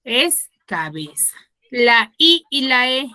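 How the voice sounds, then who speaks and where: Woman teacher, online class over a video call, high voice, slow pace. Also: sing-song, pushed and bright. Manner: quizzing students, explains patiently.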